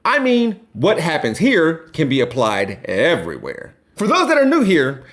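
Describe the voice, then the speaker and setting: A man from Ohio reads scripted commentary in a wry, sarcastic tone. His pitch sits a little high and swings widely from line to line. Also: moderate pace. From Columbus, Ohio. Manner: wry, sarcastic, animated delivery. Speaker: commentary host.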